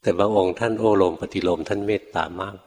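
An older man, a Buddhist monk, telling stories in a dharma talk and acting out his teachers' sharp rebukes. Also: fairly low pitch, quick pace. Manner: animated storyteller, acts out his teachers' rebukes, chuckles often. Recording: long hall reverb.

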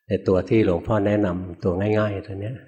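A man's voice: fairly low pitch, fairly even intonation, brisk, mellow, dull audio. An older man, a Buddhist monk, giving a plain-spoken, folksy dharma talk, asking his listeners questions and chuckling at his own stories.

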